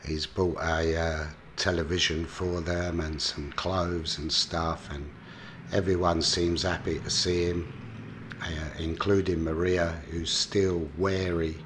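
A man casually retelling a film's plot, relaxed and rambling with frequent fillers. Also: low voice, slow pace, a little hiss or hum. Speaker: film reviewer. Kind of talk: casual film recap storytelling.

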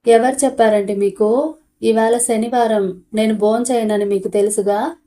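A woman voicing a patient, caring wife who speaks gently and placatingly, in a storybook reading. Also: a little high, steady tone, unhurried, lightly acted. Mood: soothing.

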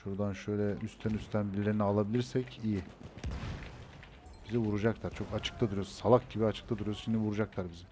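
A man's voice: fairly low pitch, steady tone, rapid-fire, background noise. Man muttering game commentary. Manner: muttering to himself, bursting into frustrated swearing outbursts. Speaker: gameplay streamer. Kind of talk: casual gameplay commentary. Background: gunfire from the game.

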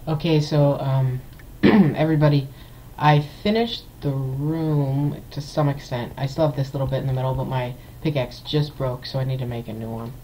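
A man talks through his gameplay in a loose, rambling let's-play commentary, stumbling over fillers and restarting his sentences. His voice sits at an ordinary middle pitch. A faint hiss of background noise sits under the desktop mic. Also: steady tone, moderate pace, few pauses, dark tone, rough recording. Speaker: gameplay video host.

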